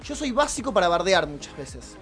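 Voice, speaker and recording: A man's voice: high-pitched, sing-song, fairly quick, a bit bright. A young man with an Argentine Spanish accent, co-hosting a casual chat, talking in a loose, slangy way with many restarts. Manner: chatty, slangy, restarts often. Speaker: podcast co-host.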